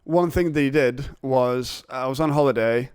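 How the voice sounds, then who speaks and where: Rambling, jokey man, smooth voice. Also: mid-range voice, normal speed, a little mellow, no room sound, studio quality. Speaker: podcast host. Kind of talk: casual chat.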